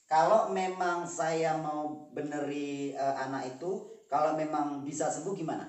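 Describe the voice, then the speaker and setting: A man playing a healer in a staged skit, politely trying to calm an angry shaman. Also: fairly high pitch, normal speed. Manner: placating, polite, repeatedly calming. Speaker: spiritual healer. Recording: echoey room, far from the mic.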